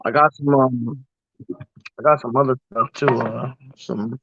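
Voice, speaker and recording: A man's voice: mid-range voice, fairly even intonation, measured pace, vocal fry, pushed and bright, slightly rough, no room sound. A man in his forties with a Boston accent, a guest on a livestream, talking in short, easygoing slangy replies over a muffled video call. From US East Coast. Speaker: guest caller. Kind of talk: casual livestream chat.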